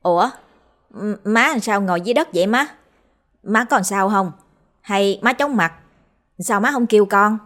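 A woman voicing a spiteful young daughter-in-law who nags and scolds fast. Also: mid-range voice, a bit bright, natural voice. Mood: falsely sweet.

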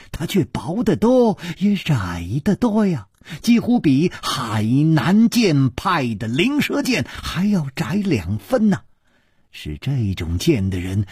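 A man's voice: fairly high pitch, darkish tone, slightly rough, no room sound, studio quality, full character voice. A man voicing an earnest young swordsman who explains eagerly and exclaims often. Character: earnest young male swordsman, proud heir.

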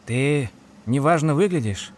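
A man's voice: mid-range voice, lively intonation, measured pace, darkish tone, slight background noise, pitched above the performer's own voice, lightly acted. A man reading an audiobook, voicing a fussy, solicitous little clerk in a raised voice.

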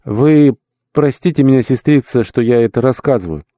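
Speaking at normal speed in a low, dark, expressive voice, a man reads the part of an aging dwarf servant in an audiobook. The character is humble and sentimental, with a fussy, fawning, old-fashioned politeness, and the recording is dry and studio quality.

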